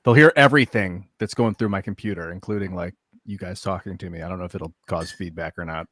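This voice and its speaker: A man playing a game live on stream, relaxed and reacting out loud as he plays. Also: low-pitched, quick pace, no echo, clean studio sound. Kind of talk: casual livestream gameplay talk.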